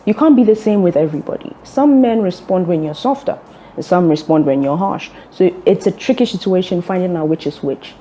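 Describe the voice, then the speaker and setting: Young woman, company director, low mellow voice, calm and orderly. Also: a little hiss or hum. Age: young adult. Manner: measured, orderly, with occasional ums. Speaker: executive director of a fuel transport firm. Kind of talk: interview answers.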